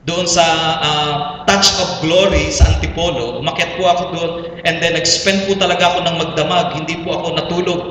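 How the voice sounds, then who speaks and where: High-voiced Filipino pastor in an echoing hall. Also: male voice, fairly even intonation, brisk, a bit bright. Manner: storytelling testimony, addresses listeners as brothers and sisters. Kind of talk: sermon. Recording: echoey hall, voice from far off, faint room noise.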